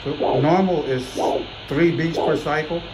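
A man working as a foot doctor, calmly explaining exam findings to a patient in a clinic. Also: fairly high pitch, a little slow, a little hiss or hum, poor audio. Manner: calm, explains findings plainly. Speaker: podiatrist.

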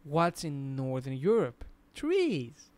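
A man with a smooth, clear voice, pitched a little high, talks through a topic on a casual podcast. He explains at length and rambles, often circling back to restart his sentences, close to a dry mic. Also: huge pitch swings, slow pace, darkish tone, no echo.

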